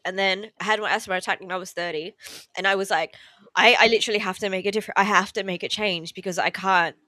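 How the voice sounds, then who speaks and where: Fast and forceful, this Australian podcast guest has a bright, mid-range voice with fairly even intonation and no echo. Sitting indoors at a relative's house, she chats casually in an interview, tearful, full of fillers, and laughing through the emotion.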